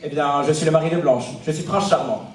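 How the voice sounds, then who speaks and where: A man's voice: fairly high pitch, fast, slight background noise, natural voice. An actor playing a smug, womanizing Prince Charming in a live stage comedy sketch. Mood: defensive. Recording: echoey stage sound from far off with a loud audience.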